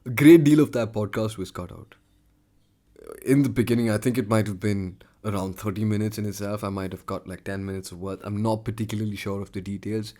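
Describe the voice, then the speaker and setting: A young man hosting a solo podcast, talking candidly and rambling, swinging between loud bursts and murmured asides. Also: on the low side, fairly even intonation, brisk. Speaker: podcast host. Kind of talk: reflective solo podcast monologue.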